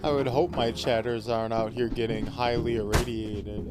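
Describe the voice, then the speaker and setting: A man's voice: mid-range voice, little pitch movement, moderate pace. A man doing casual commentary as he streams a game. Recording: loud game music and vehicle sound behind.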